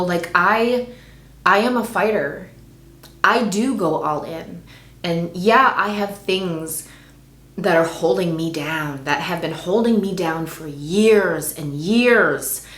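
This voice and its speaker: A woman in her forties talking earnestly and with determination in a reflective personal vlog. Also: on the low side. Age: 40s. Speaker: vlogger. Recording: echoey room.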